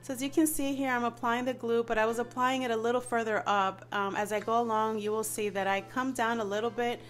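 A woman's voice: a little high, steady tone, a little fast, faint music behind. A woman whose voice is nasal from allergies, chatting through a step-by-step craft tutorial as host and often calling her viewers "you guys.". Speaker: DIY channel host.

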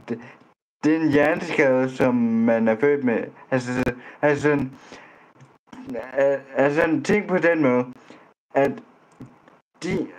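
A man's voice: mid-range voice, low-quality recording. Blunt, stammering young man chatting online. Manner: blunt, teasing, trips over words and restarts. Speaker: vlogger chatting with strangers online. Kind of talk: casual chat.

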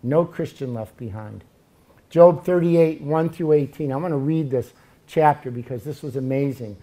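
A man's voice: on the high side, normal speed, mellow. A man preaching a sermon, emphatic and full of rhetorical questions.

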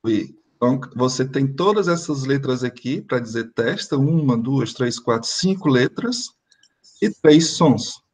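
A man's voice: medium pitch, expressive, measured pace, a little mellow, breathy edge. A man teaching French online over a video call, explaining step by step and having his students repeat after him.

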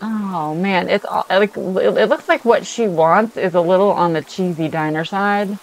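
A woman's voice: lowish voice, moderate pace, a little hiss or hum, low-quality recording. A middle-aged woman playing a video game for the first time, chatting playfully and talking to the game's characters. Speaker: gamer's mother playing a game. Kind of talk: casual play-along chat.

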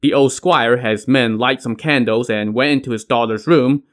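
A man's voice: mid-range voice, normal speed, fairly bright tone. A man narrating a classic tale as a podcast host, in a wry tone with dry asides. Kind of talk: storytelling narration.

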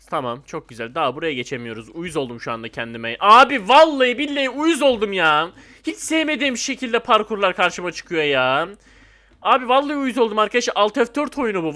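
A young man with a Turkish accent giving casual, excitable commentary over a game he keeps failing, often yelping and complaining. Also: fairly high pitch. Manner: excitable, frustrated, yelps and exclaims at fails. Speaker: gaming YouTuber.

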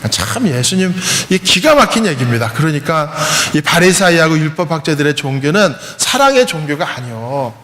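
Korean priest preaching in a reverberant church. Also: male voice, a little high, sing-song, fairly quick, hardly any pauses, a bit bright. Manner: conversational preaching, often asks the congregation to respond. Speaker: pastor. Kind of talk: sermon. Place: large church hall. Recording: roomy church hall with long reverb, faint background hum.

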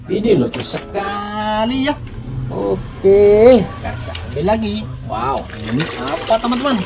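A woman's voice: medium pitch, lively intonation, measured pace, vocal fry. Casting: female kids' toy video host, very swoopy delivery, playful party-magician exclamations, music behind. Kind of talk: scripted-sounding kids' toy reveal narration with magic-word exclamations.

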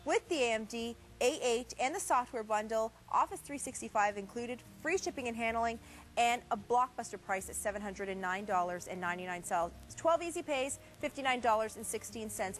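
A woman in her thirties giving a chatty, emphatic home shopping host sales pitch in a television studio. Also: expressive, a little fast, fairly bright tone.

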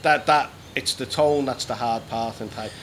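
In a small, decorated room with a noisy background hum, an Englishman in his fifties talks as an interview guest in a casual, storytelling way. He explains things loosely and repeats himself a bit, speaking at a moderate pace in a mid-range voice with a fairly bright tone.

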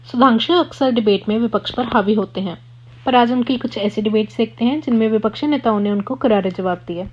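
A woman narrates a news compilation in a scripted, formal voice-over. Her voice is slightly breathy. The recording is muffled and lacks top end. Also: fairly high pitch, fairly quick. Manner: even, formal read-out delivery.

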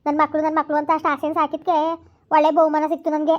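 A wounded, self-pitying village mother, played by a woman pours out her grievances in quick, high-pitched rhetorical questions with a rural Karnataka Kannada accent. The recording sounds a little dull and lo-fi. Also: completely flat delivery, close to an everyday voice. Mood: aggrieved lament. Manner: complaining, lamenting, rhetorical questions.

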